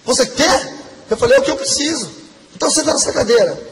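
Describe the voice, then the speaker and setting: A man's voice: very high-pitched, animated, fast talker. A man giving an earnest, emotional testimony sermon to a congregation. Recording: long hall reverb, faint background noise.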